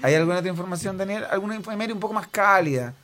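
Mock-serious Chilean radio comedian. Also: male voice, high voice, racing, a bit bright. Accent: Chilean Spanish. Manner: teasing, mock-serious interviewer. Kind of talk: improvised comedy banter.

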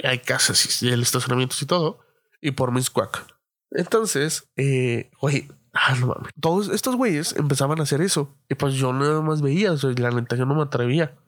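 A man's voice: medium pitch, fairly bright tone, no room sound, clean studio sound. Slangy young man telling a story. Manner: slangy, rambling, full of fillers and swearing. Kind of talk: casual anecdote telling.

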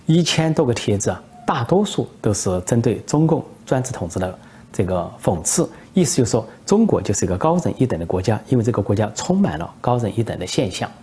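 Man, low mellow voice, husky, unhurried storyteller, political commentary. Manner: relaxed storytelling with frequent hesitations.

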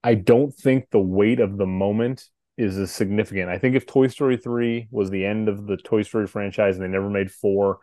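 A man in his thirties co-hosting a podcast, thinking out loud in casual chat. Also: fairly low pitch, fairly even intonation, moderate pace, no echo, clean studio sound. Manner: thoughtful, hesitant, restarts sentences. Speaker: podcast co-host.

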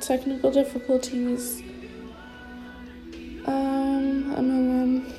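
Her high, mellow voice stays monotone as she goes slowly, with soft music in the background. This young woman sponsors others in recovery and talks off the cuff in a casual vlog. She sounds blocked up with a stuffy nose and rambles, heavy on fillers.

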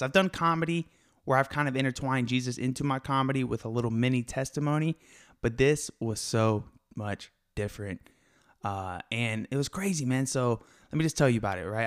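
A man's voice: mid-range voice, smooth. A young man hosting a casual faith podcast, hyped and a little out of breath, rambling with lots of fillers. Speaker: podcast host.

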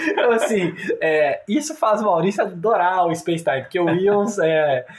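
Higher-voiced Brazilian man chatting as co-host. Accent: Brazilian Portuguese. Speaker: podcast co-host. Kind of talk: casual chat.

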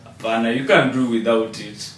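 A man's voice: medium pitch, steady tone, moderate pace. Kenyan man explaining, off the mic. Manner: explanatory, switches between Swahili and English. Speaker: podcast co-host. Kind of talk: casual chat. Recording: echoey room, distant mic, faint noise.

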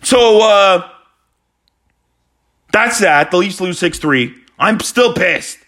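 Guy in his 40s ranting about his team losing, high sharp voice, yells now and then. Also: expressive, slow pace. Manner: exasperated, ranting, sometimes shouting. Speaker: hockey fan vlogger. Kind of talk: post-game fan rant.

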